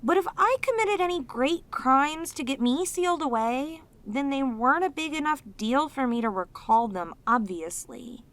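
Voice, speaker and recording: Here the woman playing the lonely, clingy, sweet demon in an ASMR audio roleplay sounds pleading and indignant. Her high voice is animated and a bit bright, and her manner stays earnest and halting.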